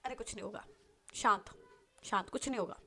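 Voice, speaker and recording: Woman playing a chill young woman talking soft and slow to calm her friend down. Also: a little high, natural voice. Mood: soothing.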